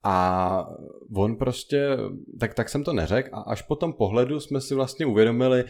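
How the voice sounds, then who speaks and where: A man's voice: medium pitch, a little mellow. A young man in casual chat, adding to a shared story and swearing freely.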